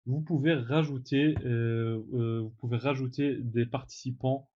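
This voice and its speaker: A man talks through a software demonstration like a teacher guiding his class. His voice is mellow and dark, and he often pauses for fillers and corrects himself. The recording sounds a little dull and lo-fi. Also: medium pitch. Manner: relaxed, with frequent fillers and self-corrections. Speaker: teacher giving a tutorial. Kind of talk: screen-recorded tutorial.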